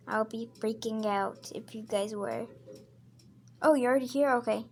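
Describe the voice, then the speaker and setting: A woman's voice: a little high, moderate pace. A woman playing a mother in a casual game role-play, chatting and stopping to narrate what her character does.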